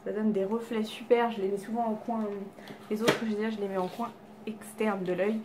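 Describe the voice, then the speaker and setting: A woman vlogs about her makeup haul from home, where her cats wander about, talking casually and poking fun at herself with plenty of fillers and false starts. Her mid-range voice is brisk with little pitch movement, and the audio is very noisy.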